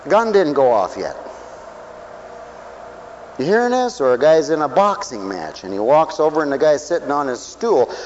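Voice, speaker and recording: A man preaching a sermon, swinging between loud calls and low asides and asking the crowd questions. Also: muffled recording, a little hiss or hum.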